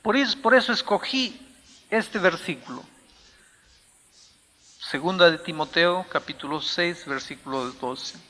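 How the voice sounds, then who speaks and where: A man's voice: high voice, unhurried, pauses often, sharp tone, in a large hall. A male pastor preaching a sermon, emphatic and telling a story from the pulpit.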